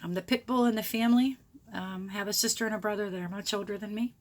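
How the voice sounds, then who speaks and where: A woman's voice: mid-range voice, fairly even intonation, fast talker. A middle-aged woman speaks in a groggy voice, as if nursing a sore throat. Her delivery is casual and unscripted, a frank, rambling chat addressed straight to followers. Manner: frank, chatty, rambling self-description. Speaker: homesteading blogger introducing themself.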